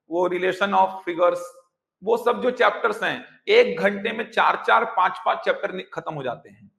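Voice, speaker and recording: Male coaching teacher, bright edge, high voice, teaching in an echoey classroom. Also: vocal fry. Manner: explains by repeating terms in Hindi and English. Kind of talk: classroom lecture.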